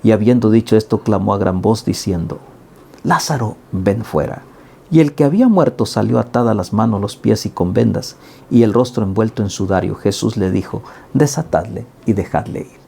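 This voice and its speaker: A middle-aged man preaches a daily Bible sermon. His voice is dark and gravelly with a husky edge. He speaks earnestly and climbs to emphatic highs for the scripture quotes. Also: brisk. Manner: earnest, rising to emphatic peaks when quoting.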